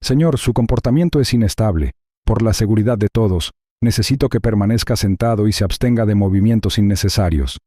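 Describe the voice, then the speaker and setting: A man voicing an arrogant male flight attendant who speaks in a sharp, accusing, commanding way. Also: fairly low pitch, fairly quick, no echo, clean studio sound, natural voice.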